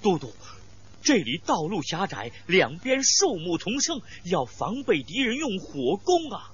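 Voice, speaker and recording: A woman's voice: medium pitch, sing-song, unhurried, husky, muffled recording, exaggerated voice. A woman doing an urgent, alarmed officer.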